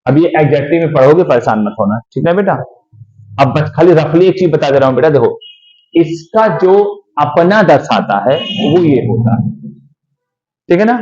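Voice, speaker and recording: A man teaching English grammar to a class, coaxing and checking again and again that students understand, slowing down to dictate sentences. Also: a little high, a little mellow, lo-fi sound. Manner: calls students beta, slows to dictate sentences.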